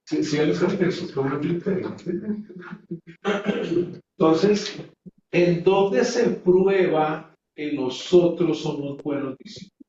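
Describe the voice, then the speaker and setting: A man's voice: fairly high pitch, slow pace, pauses often, warm tone. A man teaching a Bible class in a sermon-like way, stressing his points and putting rhetorical questions to his listeners. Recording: echoey, dull sound from a distant mic.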